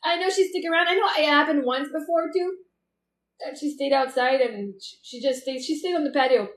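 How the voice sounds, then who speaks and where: A woman's voice: sits high, moderate pace, reverberant. A woman with a Québécois accent, chatting casually and playfully with viewers as a livestream host, laughing often. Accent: Québécois French. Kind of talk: casual live chat.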